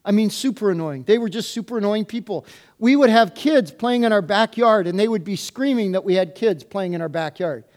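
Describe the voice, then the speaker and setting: A pastor with a notably high voice delivers a sermon as a personal story. He is a middle-aged man who acts out the quoted dialogue with lively emphasis. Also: fairly quick.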